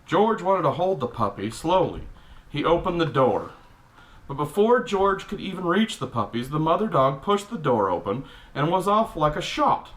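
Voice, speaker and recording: Hank Hill, grumpy Texan dad. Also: male voice, a little high, big pitch swings, moderate pace, a bit bright, rough recording. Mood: exasperated storytelling. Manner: grumpy, exasperated, blunt, mildly profane. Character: cranky middle-aged Texan dad reading a picture book. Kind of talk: comic character storybook reading with grumbling asides.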